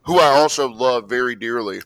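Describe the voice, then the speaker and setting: A man's voice: medium pitch, moderate pace, fairly bright tone, no echo, rough recording. A man co-hosting a casual music podcast, joking and sardonic, stammering now and then, recorded close on a home mic. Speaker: podcast co-host.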